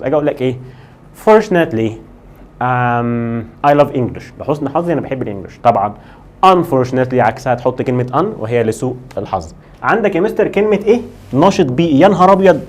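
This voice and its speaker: An Egyptian Arabic-accented man teaches an English lesson at a brisk clip. He slows right down to drill English words and keeps answering questions he asks for his students. His pitch sits in an ordinary middle range for a man. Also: a little mellow. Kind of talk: lively classroom lesson.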